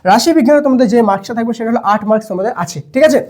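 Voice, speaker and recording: A young man teaching students quick exam tricks as a math tutor. He keeps checking in with "okay?" and answers questions he voices for the students himself. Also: extremely high pitch, darkish tone. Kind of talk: fast exam-tips lesson to students.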